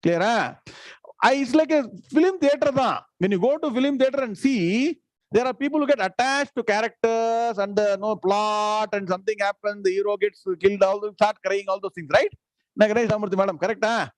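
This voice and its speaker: A spiritual teacher with a South Indian accent, a native Tamil speaker, gives a live scripture lecture, repeating phrases and asking questions to check understanding. His voice sits high and moves fairly quickly, with no echo.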